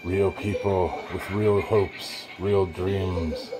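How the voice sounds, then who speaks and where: Playing a show host who is a sinister old vampire-like uncle, a man speaks in a low voice with fairly even intonation. Slow, drawn-out and menacing, he pontificates slyly and theatrically, cackling between lines while mallet and xylophone music plays.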